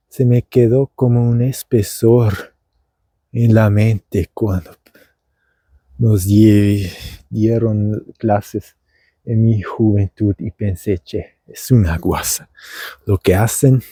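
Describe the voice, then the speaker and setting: A language teacher and podcaster, he rambles comically outdoors at dusk in Argentine Spanish learned as a German speaker, drifting theatrically with frequent fillers and restarts. His lowish voice is dark and slow, with a breathy edge. No room sound is audible.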